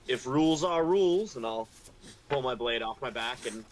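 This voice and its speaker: A man's voice: medium pitch, lively intonation, moderate pace, rough recording. A man talking casually as a player in a tabletop game.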